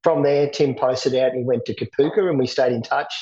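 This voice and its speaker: A middle-aged Australian man, a veteran, recalling his army days in a plain, steady way, often restarting his words. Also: mid-range voice, brisk, muffled recording. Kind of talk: interview recollection.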